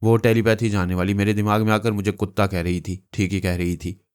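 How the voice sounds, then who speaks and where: A man's voice: on the low side, level tone, brisk, darkish tone, smooth, close to an everyday voice. A man reading a novel aloud, voicing a desperate, lovesick male informer with an anguished, pleading delivery.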